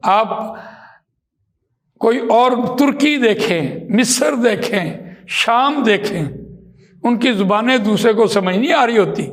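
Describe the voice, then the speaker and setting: A man teaching Quran recitation in a slow, patient lesson, drawing out vowels and words to demonstrate them. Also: high-pitched, a bit bright. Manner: patient, repeats points with examples.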